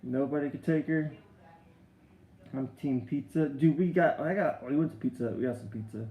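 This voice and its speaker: A man's voice: a little high, normal speed, echoey room, phone-quality sound. A middle-aged man on a live stream, telling long rambling stories with many restarts and answering viewer comments. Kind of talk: casual live-stream chat.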